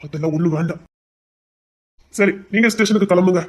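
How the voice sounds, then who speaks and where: A woman's voice: fairly low pitch, natural voice. A woman with a Tirunelveli Tamil accent playing a stubborn, doting male police officer who coos at his baby in a comedy skit. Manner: fast, soft cooing baby talk.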